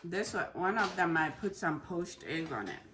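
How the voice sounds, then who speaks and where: A woman's voice: fairly low pitch, lively intonation, moderate pace, noisy background. A woman chatting casually as she eats, chewing while talking and humming as she savours the food. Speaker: food vlogger. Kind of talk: casual mukbang chat while eating.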